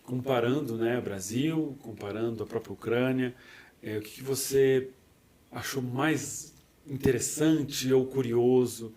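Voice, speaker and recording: A man with a mid-range voice hosting a podcast interview. He asks questions at a relaxed, chatty pace, leaning on small fillers as he goes. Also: mid-range voice, measured pace. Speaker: podcast host. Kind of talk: casual interview chat.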